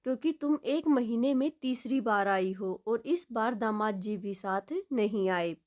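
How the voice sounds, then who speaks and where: A woman storyteller voicing a caring middle-aged mother who speaks softly and soothingly to her grown daughter in a told story. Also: medium pitch, measured pace, lightly acted. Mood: tender.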